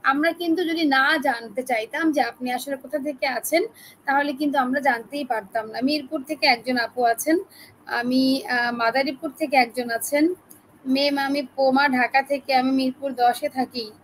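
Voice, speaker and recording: High-voiced woman speaking softly with a sore throat. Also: fairly even intonation, normal speed, a little hiss or hum, poor audio. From Bangladesh. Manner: chatty, friendly, addresses listeners as apu. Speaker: online class trainer. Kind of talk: live online class, reading out participants.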